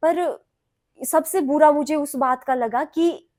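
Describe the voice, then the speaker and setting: A young adult woman from Himachal Pradesh, a guest on a talk show, telling a personal story in an animated way and acting out what others said. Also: high voice, slow. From Himachal Pradesh, India. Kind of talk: recounting a personal story in an interview.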